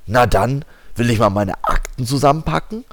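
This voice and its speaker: A man's voice: mid-range voice, expressive, normal speed, a bit bright. A man playing a puzzled fussy lawyer. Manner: puzzled, muttering. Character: fussy middle-aged male lawyer, absorbed in files.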